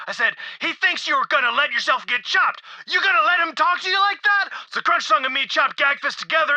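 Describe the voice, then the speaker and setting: An actor playing a dim, boastful bandit who rambles fast about his scheme in a game audio log. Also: very high voice, sharp tone, no echo, full character voice. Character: dim, boastful bandit man sneaking into an arena.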